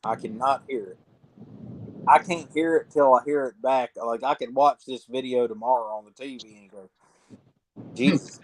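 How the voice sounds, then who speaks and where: A man's voice: medium pitch, moderate pace, low-quality recording. A man with a Southern US drawl, talking in a blunt, teasing way in casual chat.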